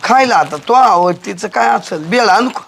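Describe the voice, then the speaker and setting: A man's voice: sits high, expressive, normal speed, creaky, fairly bright tone, slight background noise, heavily acted. A man playing an easygoing village husband in a comedy skit, teasing his wife in a rustic way. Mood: bantering. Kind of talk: comic domestic banter.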